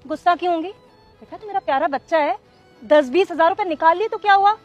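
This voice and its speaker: Lady acting as a stuck-up rich mom, high voice, snapping and sneering, faint music behind. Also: brisk. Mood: doting. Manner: sharp, accusing, contemptuous. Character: arrogant rich mother, snobbish and scornful. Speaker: shopper. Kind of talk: amateur web drama acting.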